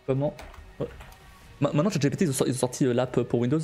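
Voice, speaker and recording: A male streamer in casual live-stream chat, talking in a halting way with many restarts and frequent laughs. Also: medium pitch, a little mellow, soft background music.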